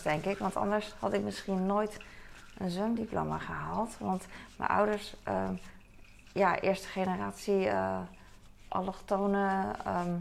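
A woman's voice: mid-range voice, creaky, a little hiss or hum. A woman in her thirties, a mother chatting casually in a rambling way while doing household chores for her vlog. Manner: chatty and rambling, animated when telling stories. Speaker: vlogger and mother.

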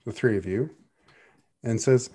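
A man's voice: mid-range voice, measured pace, mellow, breathy edge. A man narrating as game master, describing scenes and acting out characters in a casual, easygoing way. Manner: casual, with restarts and fillers.

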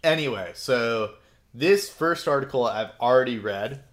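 A man's voice: medium pitch, expressive, unhurried. A man co-hosting a casual podcast, dry and joking, often breaking into laughter. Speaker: podcast co-host.

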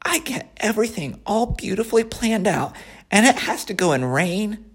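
A man's voice: sits high, big pitch swings, moderate pace, fairly bright tone, slightly rough, pitched above the performer's own voice, exaggerated voice. A man voicing a lonely, earnest young male pig in a storybook reading, pleading and wistful. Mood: gloomy.

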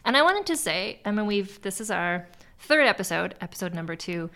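A woman's voice: mid-range voice, big pitch swings, brisk, sharp tone. A woman co-hosting a podcast, introducing the show in a casual, conversational way. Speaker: podcast co-host.

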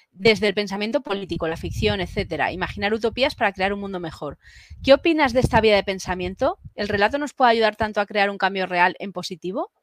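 Brisk woman host reading questions. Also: fairly high pitch, dry recording, studio quality. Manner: brisk, reads questions aloud quickly. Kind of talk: casual chat.

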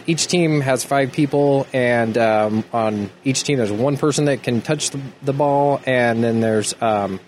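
Male podcast guest, mid-range voice, halting explainer with restarts, casual delivery, noisy room ambience. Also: mid-range voice, darkish tone. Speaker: guest, tattoo artist and sports club organiser. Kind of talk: casual chat.

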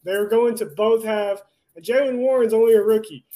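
A man's voice: high-pitched, normal speed, warm tone. A young man co-hosting a sports podcast, ranting in a heated, profane way in casual chat. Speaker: podcast co-host.

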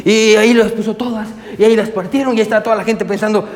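A male pastor with a high voice preaches a sermon in a church sanctuary at a quick pace and steady tone. He is emphatic, full of rhetorical questions and frequent "amen"s, with the echoey hall giving a long reverb.

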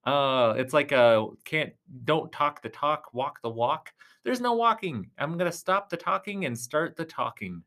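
A goofy clown announcer, as a performer puts him on, calling a thumb-wrestling show. He rambles, giggles at his own jokes, and wanders off topic at a middling pitch. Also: lively intonation, a little slow, hardly any pauses, a bit bright. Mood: chatty. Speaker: commentator. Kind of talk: comic sports commentary.

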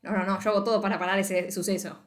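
A woman's voice: medium pitch, little pitch movement, quick pace. A woman with a Rioplatense Spanish accent co-hosting a podcast, ranting bluntly and swearing freely in casual chat. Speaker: podcast co-host.

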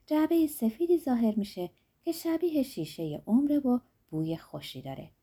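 A woman narrating a fairy tale in a soft, dreamy way, her sentences trailing off quietly. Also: medium pitch, breathy edge. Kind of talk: storytelling narration.

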